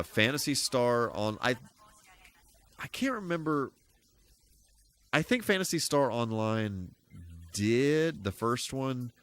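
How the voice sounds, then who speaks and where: A low-voiced man hosts a casual game live stream, rambling and halting as he thinks aloud and drops mild, folksy exclamations. His tone is smooth and fairly bright.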